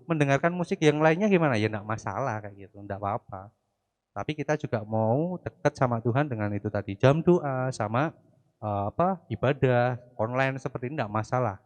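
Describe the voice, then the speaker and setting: A man preaching a relaxed, chatty sermon at an online church service. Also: medium pitch, lo-fi sound. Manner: relaxed, chatty, with Javanese-flavored asides. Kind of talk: casual sermon.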